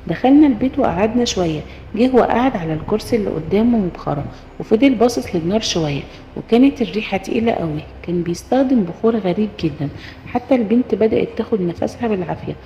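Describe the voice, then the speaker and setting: A woman's voice: medium pitch, mellow, slight background noise. A woman with an Egyptian Arabic accent telling an intense, emotional first-person horror story. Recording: roomy reverb, dull and muffled.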